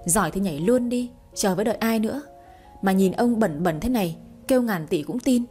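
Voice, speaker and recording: A woman doing a sharp-tongued middle-aged wife. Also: medium pitch, expressive, a little fast, soft background music, natural voice. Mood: mocking. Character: middle-aged wife, tearful then shrill.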